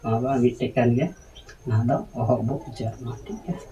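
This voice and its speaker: A man's voice: medium pitch, quick pace, warm tone, distant mic, muffled recording. A man teaching pronunciation letter by letter, patiently repeating each sound and checking that his listeners follow. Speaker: language teacher.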